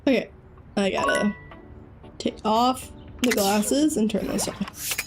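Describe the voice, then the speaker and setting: A woman's voice: medium pitch, lively intonation, takes it slowly, vocal fry, music in the background. A woman streamer chatting casually as she reacts to a game, playful and offhand. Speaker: gaming streamer.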